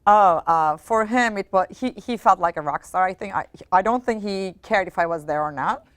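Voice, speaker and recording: A middle-aged woman hosting a casual talk show, chatting with frequent fillers and soft laughs. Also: mid-range voice, normal speed, no echo. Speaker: host. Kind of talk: casual chat.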